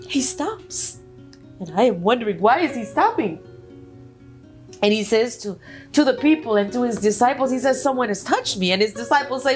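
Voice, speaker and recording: The biblical woman healed after twelve years of bleeding, played by a woman tells her story in first person on a talk show. She sounds earnest and preacherly, and she leans on repeated phrases. Her voice sits a little high. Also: natural voice. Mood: anxious retelling.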